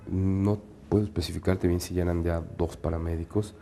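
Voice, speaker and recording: A man's voice: low voice, little pitch movement, brisk, vocal fry, dark tone, slight background noise. A man in an interview recounting a painful event steadily, with frequent hesitant fillers. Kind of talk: recounting a personal memory.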